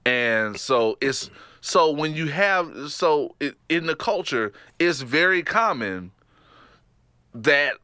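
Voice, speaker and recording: A slightly high, smooth male voice with a Texas accent takes its time, captured in clean studio sound with no echo. He's a Texan podcast co-host in loose, joking chat that keeps dissolving into laughter. Animated, he trails off and restarts.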